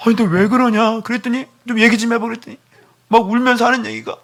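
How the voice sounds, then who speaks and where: A middle-aged man preaching a sermon as pastor, animated, moving between hushed whispers and near-shouts. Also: very high voice, quick pace. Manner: acts out a doting father's voice.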